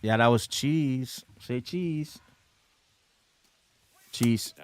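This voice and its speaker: A man's voice: medium pitch, extremely slow, clean tone. A young man chatting casually while livestreaming a baseball video game, reacting to viewer comments and swearing now and then.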